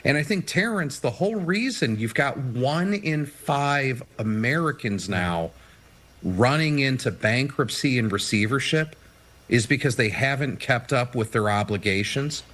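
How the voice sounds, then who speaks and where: A man's voice: medium pitch, animated, a little slow, fairly bright tone. A man giving emphatic, upbeat financial advice as a guest in a TV news interview. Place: TV studio or remote video link.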